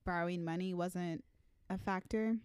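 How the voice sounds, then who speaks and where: A woman's voice: on the low side, fairly even intonation, moderate pace, darkish tone, clear, resonant tone, no echo. Female podcast host, playful and theatrical, casual chat, dry close sound.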